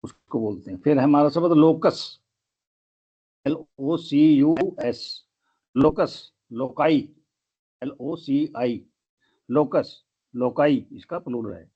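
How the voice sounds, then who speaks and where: Slow, deliberate male grammar teacher. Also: on the high side, dull audio. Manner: spells words out letter by letter, slow and deliberate. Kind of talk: lesson.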